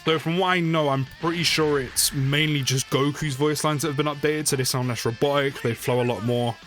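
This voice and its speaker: With music in the background, a man who makes gaming videos chats casually through a game update, frequently repeating phrases to stress them. His voice is on the high side and a bit bright, fairly quick, with fairly even intonation.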